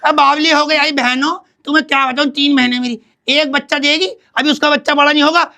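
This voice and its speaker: A man playing a brash, bossy young woman who scolds her older sister loudly in a comic sketch. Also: extremely high pitch, steady tone, quick pace, full character voice. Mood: ranting. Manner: loud, scolding, theatrical.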